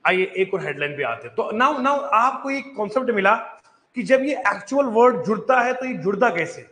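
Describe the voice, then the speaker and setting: A man's voice: high voice, animated, a little fast, a bit bright, roomy sound, low-quality recording. A man teaching an online reading lesson, coaxing students to sound out letters, mixing in English phrases. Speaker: Urdu teacher.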